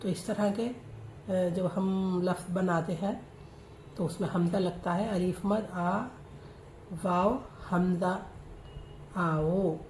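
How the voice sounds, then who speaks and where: A woman teaching a reading lesson, spelling out letters slowly and then joining them into words. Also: lowish voice, fairly even intonation, dark tone. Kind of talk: slow spoken reading lesson. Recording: echoey room with faint noise.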